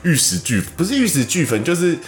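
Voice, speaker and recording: Animated Taiwanese man telling stories. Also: fairly quick. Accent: Taiwanese Mandarin. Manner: animated storytelling, acts out quotes in a high voice. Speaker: podcast co-host. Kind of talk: casual chat. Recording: echoey room with faint music.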